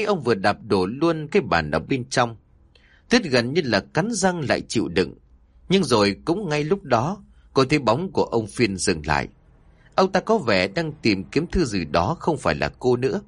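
A man narrating a scripted horror story with dramatic, expressive delivery. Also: mid-range voice, no echo.

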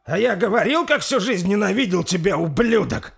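A man voicing an older vampire father who shouts with hatred at his son. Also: high-pitched, lively intonation, moderate pace, vocal fry, slightly rough, voice pushed up, full character voice. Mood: raging. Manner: hateful, shouting.

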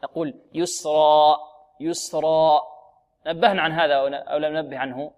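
Male tajweed teacher, slightly high voice, drills students word by word with slow repeated examples. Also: steady tone. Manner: drills pronunciation, repeats words slowly, asks students questions. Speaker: Quran recitation teacher. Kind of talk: tajweed lesson with recited examples.

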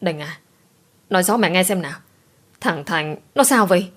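A woman reading an audiobook voices an anxious, tender older mother who speaks low and pressing. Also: animated, normal speed.

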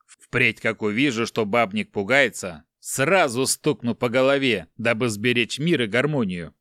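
A man voicing a gruff giant barbarian who drawls slow, loud and folksy mockery in an audiobook. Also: medium pitch, no room sound, studio quality. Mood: mocking.

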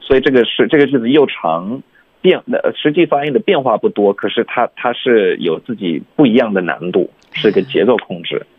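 A man teaching English pronunciation on a radio lesson, explaining calmly and slowly sounding out example phrases. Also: lowish voice, husky. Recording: tinny phone-like radio sound.

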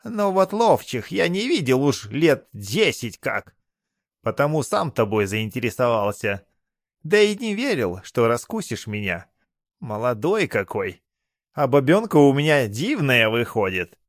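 A man voicing a fat, cackling male bathhouse spirit with a high, teasing, wheedling voice. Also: very animated, measured pace, dry recording, clean studio sound. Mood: sly.

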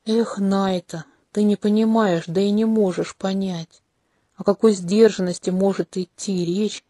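A woman voicing a charming, manipulative male non-human prince in a home-made audiobook, speaking calmly and candidly with a faintly mocking edge. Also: mid-range voice, moderate pace, no room sound, studio quality, natural voice. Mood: dark, frank. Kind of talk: audiobook character reading. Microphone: close home mic.

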